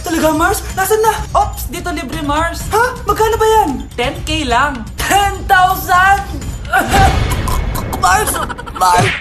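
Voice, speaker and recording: A very high-voiced woman acting out every part in short comic skits. She shrieks and exaggerates each role. Her voice sounds roomy and echoey, with background music playing underneath. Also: lively intonation, measured pace. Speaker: comedy skit creator.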